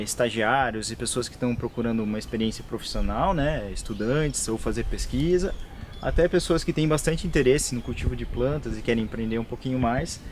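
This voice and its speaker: A Brazilian man with a mid-range voice and a Brazilian Portuguese accent hesitantly explains his job as a nursery worker for a conservation NGO, full of fillers and restarts in a plain explaining tone. It's an on-site interview at a plant nursery and lab on a rural property, with slight background noise.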